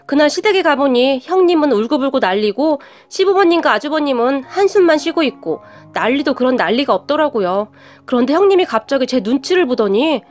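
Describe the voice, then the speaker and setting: A woman narrating a scripted first-person family story in an indignant, confiding way. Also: high voice.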